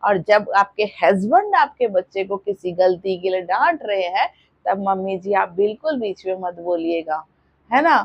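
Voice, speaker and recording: A woman's voice: mid-range voice, slightly rough, no echo, muffled recording. A woman preschool teacher with an Indian English accent, giving earnest advice to parents and often asking "right?" to check they follow. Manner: sing-song greetings, then earnest advice with tag questions. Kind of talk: warm advice to parents and kids.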